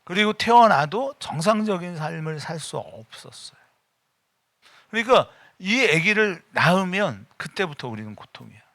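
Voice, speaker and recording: A senior pastor, middle-aged and male, gives an afternoon sermon in a church sanctuary, his voice gravelly, bright and forceful. Very animated at a normal pace, he moves from casual personal remarks to loud prayer, pitch swinging widely, in an emphatic, personal style. The audio is dry and close with no room sound.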